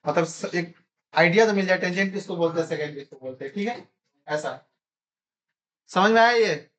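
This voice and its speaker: A man's voice: high-pitched, normal speed, fairly bright tone. A man teaching a classroom math lesson in speech, constantly quizzing his students with repeated questions.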